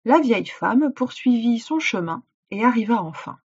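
A woman teacher reads a folk tale aloud in a clear, explanatory manner and speaks directly to a child. Her voice is husky. The recording sounds dull and lo-fi. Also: fairly high pitch, expressive, normal speed, a little mellow. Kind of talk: read-aloud storytelling and instructions.

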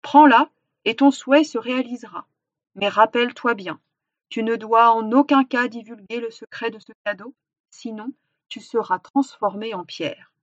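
A woman's voice: fairly high pitch, moderate pace, no room sound, lightly acted. A woman doing a solemn dragon king. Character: regal dragon king of the sea, commanding. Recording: dull, dry recording.

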